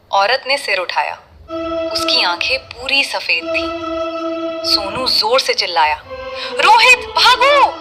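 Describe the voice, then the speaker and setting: A woman giving steady scripted narration of a cartoon horror story. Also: fairly high pitch.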